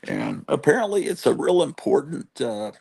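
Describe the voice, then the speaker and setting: A man in his late fifties with a gravelly, husky voice, chatting casually on a livestream. He reads viewers' messages aloud, drifts between stories, trails off and picks up again, and is quick to poke fun at himself. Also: a little high, sing-song, darkish tone. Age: 50s. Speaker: comic collecting livestream host.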